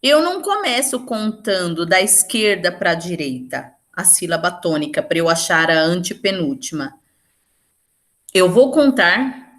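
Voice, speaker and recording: A woman teaching a Portuguese grammar lesson for exam preparation, explaining step by step and slowing down to stress example words. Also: mid-range voice, fairly bright tone. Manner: explains step by step, often checking in with "certo?".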